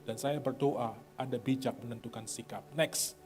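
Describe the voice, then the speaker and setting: A middle-aged man from Indonesia preaching a sermon, swinging between loud urging and soft asides. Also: mid-range voice, fairly even intonation, normal speed, soft background music. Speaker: pastor.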